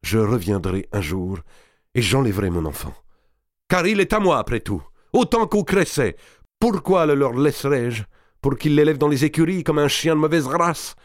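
A man's voice: low voice, moderate pace, darkish tone, no echo, clean studio sound. A man reading aloud, voicing a hot-tempered young man of twenty who flares into anger. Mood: vengeful. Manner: impetuous, rising to anger.

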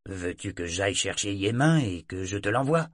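A man reading an audiobook voices a weary ship's mate who answers curtly and gruffly. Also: lowish voice, lively intonation, normal speed, no room sound, studio quality. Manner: gruff, curt.

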